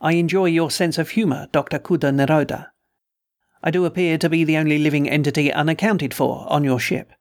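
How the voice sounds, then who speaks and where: A man doing a croaking little alien official. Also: on the high side, fairly even intonation, a little fast, lightly acted. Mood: courteous. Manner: formal, courteous. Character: small damp alien customs official, polite.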